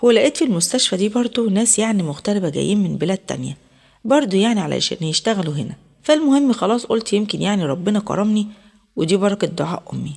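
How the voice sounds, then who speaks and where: A woman's voice: mid-range voice, gravelly, darkish tone, breathy edge. A woman with an Egyptian accent telling a first-person story in a chatty, conversational way. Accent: Egyptian Arabic.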